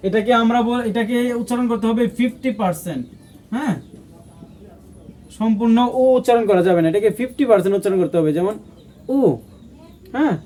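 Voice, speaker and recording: A man teaching a language lesson, speaking slowly and repeating each sound aloud for learners. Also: very high-pitched, dark tone. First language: Bengali.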